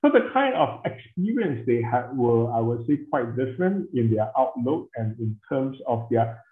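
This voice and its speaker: A man giving measured academic interview answers, pausing often with fillers and hedging phrases. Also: mid-range voice, sing-song. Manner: measured, hesitant, full of fillers and hedges. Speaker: interviewed scholar. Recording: tinny, echoey call audio.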